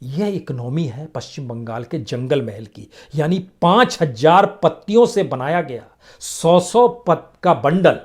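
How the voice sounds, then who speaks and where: A man's voice: fairly high pitch, animated, unhurried. Emphatic male political commentator. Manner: emphatic, listing states in repeated rhythmic phrases. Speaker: news commentator.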